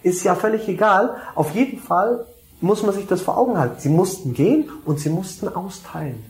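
A man's voice: sits high, animated, moderate pace, darkish tone, roomy sound. A man preaching a sermon, talking to the congregation casually, asking them questions and dropping in English phrases.

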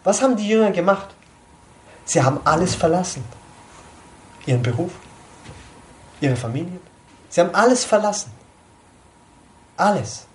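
A man's voice: high-pitched, expressive, normal speed, long pauses. A man giving an informal sermon to a small group, conversational, often asking his listeners questions. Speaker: preacher at a small church group.

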